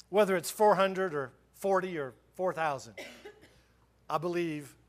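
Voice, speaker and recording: A man's voice: high voice, slow pace. A middle-aged man preaching a sermon as pastor, impassioned, often repeating words and restarting his phrases.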